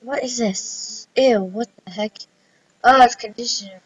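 Giggly high-voiced woman playing games. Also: unhurried, breathy edge, muffled recording. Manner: giggly, playful, chatty. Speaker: gameplay vlogger. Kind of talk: casual gameplay commentary.

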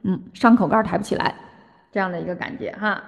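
A woman's voice: mid-range voice, fast talker, gravelly. A woman voice teacher giving a singing lesson, explaining phrases and breaking into sung demonstrations. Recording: long hall reverb with faint music.

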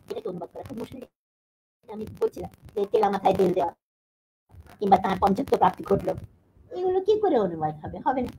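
A woman's voice: mid-range voice, a little hiss or hum, rough recording. A middle-aged woman professor giving a lecture, explaining animatedly with frequent fillers and restarts.

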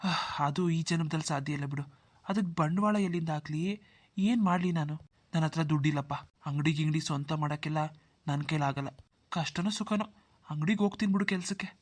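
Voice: medium pitch, brisk, close to an everyday voice. A voice actor doing Ramu, a worried poor brother. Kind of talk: Kannada cartoon dialogue.

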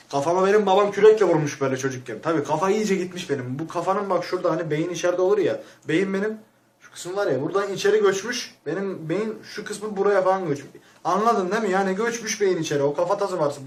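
A man giving a rambling, crude, mock-serious comic rant, short of breath and muffled by a mask. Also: fairly high pitch. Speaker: vlogger.

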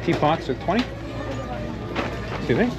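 A man's voice: on the high side, sing-song, moderate pace. A man casually narrating a walk through an outlet store, chatting and reading out prices as he browses. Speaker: podcast host walking through an outlet store. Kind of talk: casual walkthrough commentary. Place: indoor retail outlet store. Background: loud store music.

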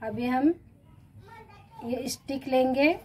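Speaking slowly in a high voice with fairly even intonation, a woman with an Indian accent narrates a step-by-step recipe as a home cooking host. The home recording is clearly noisy.

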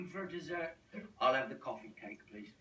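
A man's voice: sits high, bright, forceful tone, roomy sound, far from the mic, a little hiss or hum, heavily acted. An actor playing an older male TV presenter who keeps breaking off mid-sentence with hacking coughs. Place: restaurant table.

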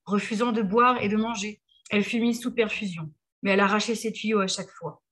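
A woman reading a passage from her own novel aloud in a steady, measured way. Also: medium pitch, slightly rough.

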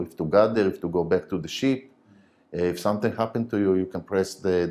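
Deep, dark-voiced man, halting non-native English. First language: not English. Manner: halting, hesitant phrasing. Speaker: interview guest, company director. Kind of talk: technical explanation in an interview. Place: TV studio. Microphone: lapel mic.

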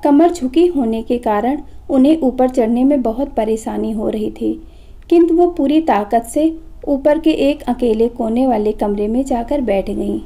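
Brief: earnest female narrator for a moral tale; warm, dark timbre, slightly high pitch. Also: unhurried. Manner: calm, earnest storytelling. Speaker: storyteller. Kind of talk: scripted story narration.

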